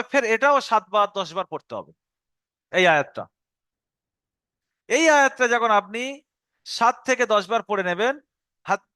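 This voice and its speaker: Male teacher for a tutorial, high bright voice, clear and smooth, repeats steps patiently. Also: no room sound. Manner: explanatory, repeats instructions, slows to recite verses. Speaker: Quran teacher. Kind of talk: online tutorial lesson.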